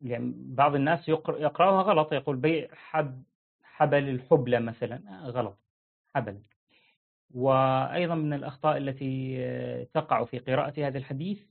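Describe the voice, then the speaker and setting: A man teaching a religious lesson, explaining rulings with lively everyday examples and acting out buyers and sellers. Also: medium pitch, creaky. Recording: tinny phone-like line.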